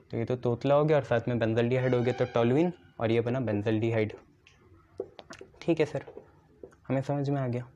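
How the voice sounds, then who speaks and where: A man with a mid-range, dark-toned voice teaches a chemistry lesson, building memory tricks step by step and often posing his own questions before answering them. He explains methodically and keeps checking in with "ठीक है" during this classroom lecture. The lo-fi recording sounds dull.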